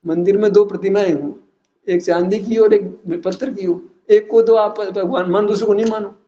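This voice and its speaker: A man's voice: high-pitched, fairly even intonation, normal speed, warm tone, lo-fi sound. A man giving a religious philosophical discourse, teasing his listeners with rhetorical questions and chuckling at his own points. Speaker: religious teacher.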